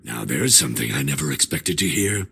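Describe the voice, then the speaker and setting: A sardonic agent, gravelly and low. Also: male voice, very animated, a little fast, fairly bright tone, slight background noise, exaggerated voice. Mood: sarcastic. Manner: sarcastic, laid-back. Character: sardonic male agent, dry wit.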